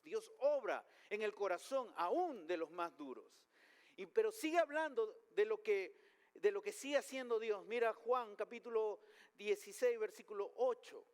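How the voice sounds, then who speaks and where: A man's voice: high-pitched, long reverb tail. A man preaching a sermon as pastor, emphatic, with rhetorical questions put to the congregation. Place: church hall.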